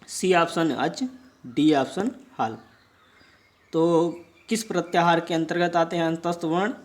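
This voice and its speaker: Guy teaching a sanskrit practice set, reads each question and option then explains, voice sits a bit high. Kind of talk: exam practice lesson.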